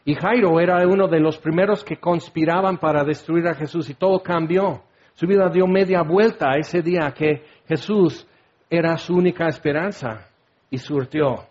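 Preacher, high voice, chatty sermon style with acted-out quotes, muffled lo-fi sound. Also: male voice. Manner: expressive, conversational, acts out quotes. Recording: dull lo-fi recording.

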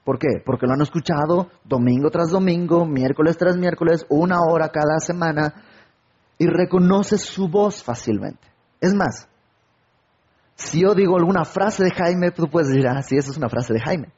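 Husky-voiced preacher. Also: male voice, fairly high pitch, moderate pace, darkish tone, muffled recording. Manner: rhetorical questions and acted-out everyday dialogue. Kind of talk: sermon.

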